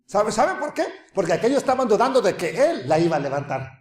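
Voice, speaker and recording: Dramatic high-voiced preacher in an echoey room. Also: male voice, big pitch swings, fast talker, a little hiss or hum. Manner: dramatic, acts out quoted voices, swings from loud to hushed. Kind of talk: sermon.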